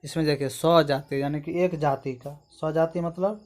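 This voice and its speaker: A man teaching an exam-prep grammar lesson, his voice sitting a little higher than usual. He walks through each point patiently and keeps asking his viewers whether they have understood. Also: steady tone, normal speed, darkish tone. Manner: explains step by step, often asks "समझ गए दोस्तों?".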